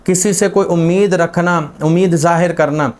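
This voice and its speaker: A man's voice: fairly high pitch, steady tone. A man teaching a grammar lesson, explaining patiently with many examples and fillers. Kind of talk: spoken lesson on Arabic grammar.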